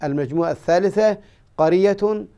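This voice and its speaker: A man teaching vocabulary in a language lesson, explaining slowly with many pauses and fillers. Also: high-pitched, warm tone, clean tone. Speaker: Arabic teacher. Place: studio.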